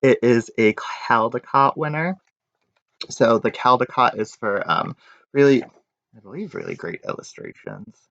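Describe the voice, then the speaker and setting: With a medium-pitched voice full of vocal fry, a man unhurriedly reads a children's picture book aloud. He tells it expressively and adds casual asides, recorded in a muffled room with echo.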